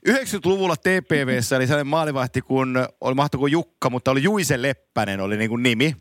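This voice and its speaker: A man hosting a casual podcast, telling anecdotes in a lively way and laughing easily. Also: mid-range voice, no echo, clean studio sound. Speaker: podcast host. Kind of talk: casual chat.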